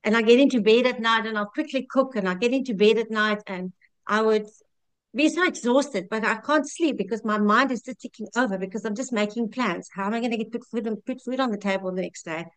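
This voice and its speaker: A woman in her fifties with a South African accent shares a heartfelt personal testimonial. Her voice sits a little high and sounds smooth and clear. She speaks candidly and often stops to restart her sentences. The recording is dry, with no room echo. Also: a little fast. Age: 50s. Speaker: customer sharing a testimonial.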